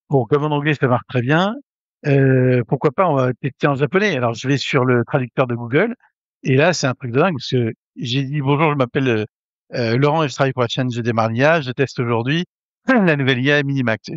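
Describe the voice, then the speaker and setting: Man, tutorial host, hesitant, filler-heavy, excitable, dry close sound, slightly dull lo-fi recording. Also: medium pitch, no room sound. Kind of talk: casual screen-recorded tutorial.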